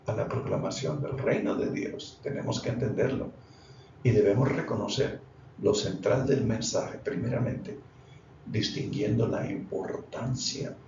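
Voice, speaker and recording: A male pastor giving a slow, unscripted Bible lesson, deliberate and often correcting himself mid-phrase. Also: fairly low pitch, gravelly, darkish tone. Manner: deliberate, with frequent restarts and self-corrections. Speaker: pastor teaching Bible study. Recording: distant, roomy, dull lo-fi sound with faint noise.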